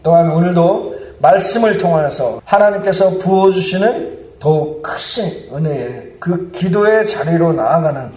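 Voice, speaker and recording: A man delivers a sermon with earnest, building fervor. His voice sits somewhat high for a man. He is heard from a distance across a large, echoing church sanctuary. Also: a little slow, few pauses, a little mellow. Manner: earnest, building to fervent proclamation. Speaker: preacher. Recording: roomy church hall, mic at a distance.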